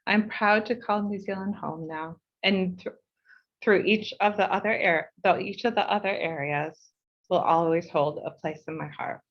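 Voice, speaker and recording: Reading a prepared speech to an online meeting, an American board chair speaks at medium pitch over dull audio. Her heartfelt, measured delivery slows whenever she wants to stress a point.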